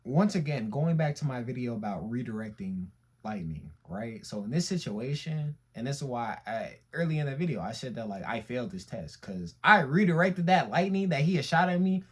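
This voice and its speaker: A man's voice: mid-range voice, expressive, normal speed, slightly rough. Young man telling a story, slangy. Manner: slangy, emphatic, swings between loud and quiet. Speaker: vlogger. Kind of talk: casual storytelling monologue.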